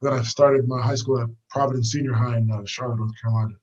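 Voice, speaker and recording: Fast-talking young man telling stories. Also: mid-range voice, fairly even intonation, a little mellow, highs cut off. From United States. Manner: easygoing, rambling with many fillers. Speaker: guest, fighter. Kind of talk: casual storytelling interview. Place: walking outdoors.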